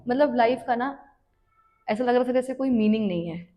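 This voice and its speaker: A young woman guest on a podcast, telling her story in a reflective, unhurried way and mixing English words into her speech. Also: fairly high pitch, warm tone. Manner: mixes English words into Hindi talk. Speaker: podcast guest, devotional content creator. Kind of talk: casual interview chat.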